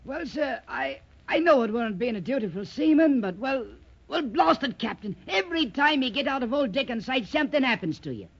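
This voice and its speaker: Husky, high-pitched, blustery old salt. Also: male voice, animated, fairly quick, full character voice. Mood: blustering. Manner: salty seaman's dialect, blustering. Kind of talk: old-time radio adventure acting. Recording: dull lo-fi old radio recording.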